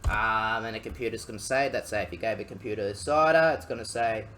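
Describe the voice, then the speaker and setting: Australian man, halting coding walkthrough. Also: lowish voice, a bit bright. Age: young adult. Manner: halting, many ums, jokey asides. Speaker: student teaching coding. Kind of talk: casual screen-recorded coding tutorial.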